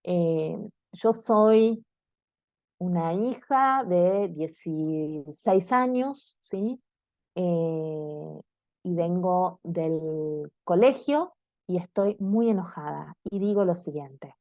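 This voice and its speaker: A woman with an Argentine accent gives an online talk to parents, engaging her listeners and checking in with them often. Her voice is mellow and soft-toned, and the sound is close and dry, as if picked up by a video-call mic. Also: on the low side, very slow, dry recording. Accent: Argentine Spanish.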